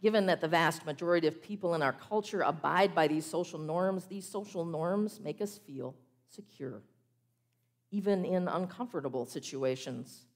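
A woman preaching a sermon, telling a story in a measured way and slowing down on key phrases. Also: lowish voice.

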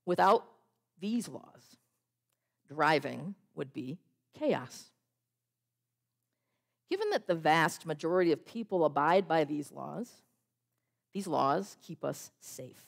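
A woman preaching a sermon, telling a story in a measured way and slowing down on key phrases. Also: low voice, sing-song, creaky.

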